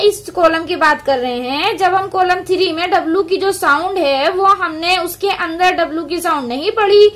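Woman teacher, very high voice, patient step-by-step explaining, online class lesson. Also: fairly bright tone. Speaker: primary school English teacher.

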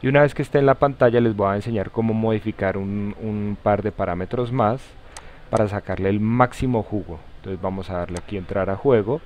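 A man with a Colombian accent hosting a step-by-step software tutorial in an informal way, using friendly diminutives. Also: lowish voice, brisk, slight background noise. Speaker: tutorial host. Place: voice-over for a screen recording. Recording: slightly dull, lo-fi sound.

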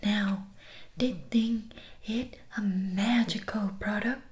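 A young woman playing a pushy shopkeeper in a whispered role-play, soft-spoken and breathy with a Vietnamese accent and clipped broken-English sales patter. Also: medium pitch, steady tone, slow, close to an everyday voice. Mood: soft, salesy. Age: young adult. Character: pushy, persuasive female Vietnamese shopkeeper selling sleep remedies. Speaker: ASMR performer.

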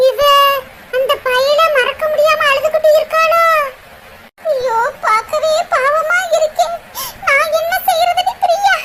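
A woman voicing a caring elder sister in a cartoon, tenderly scolding and consoling her younger sister. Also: very high voice. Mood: pitying. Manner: scolding yet tender, half-laughing through sorrow. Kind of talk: cartoon voice acting. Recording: loud background noise.

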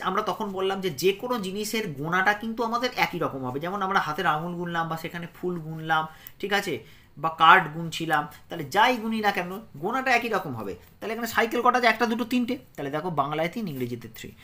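A man from teaching young children to read. He spells words out slowly letter by letter and keeps checking in with them. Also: sits high, animated, bright, forceful tone. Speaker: primary school teacher. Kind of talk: children's reading lesson.

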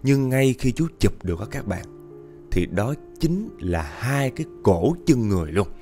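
A man with a Southern Vietnamese accent narrating a ghost story, talking directly to his listeners in an animated way. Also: mid-range voice, normal speed, soft background music. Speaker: podcast storyteller.

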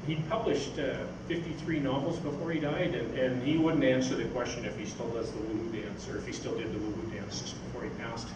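An older man, a science fiction writer, gives an informal, rambling, anecdotal talk on stage in an event hall, answering audience questions. His mid-range voice is brisk, with fairly even intonation and hardly any pauses. A far-off camera mic captures it noisy and echoey.

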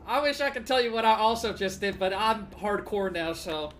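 A woman's voice: medium pitch, expressive, moderate pace. Playful woman role-playing, noisy mix. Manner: playful, laughing accusations. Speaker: streamer. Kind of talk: game role-play.

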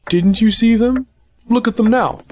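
A man's voice: very high voice, unhurried, a little mellow, soft background music. A man voicing a pompous, long-winded old male owl in an amateur family audio drama. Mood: proud. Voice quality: fussy, long-winded, self-important.

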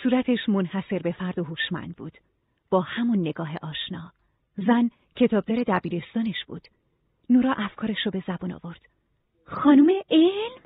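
An audiobook narrator reading a novel in an even, steady storytelling manner. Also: mid-range voice, breathy edge, no room sound. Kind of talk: scripted narration. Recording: tinny phone-like sound.

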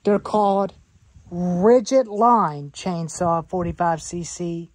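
A woman's voice: fairly low pitch, steady tone, slow pace, darkish tone, dry recording. A woman in her twenties, rambling about saw parts, repeating herself and listing items in a cluttered garage. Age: 20s. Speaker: chainsaw hobbyist vlogger. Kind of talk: rambling show-and-tell in a workshop.

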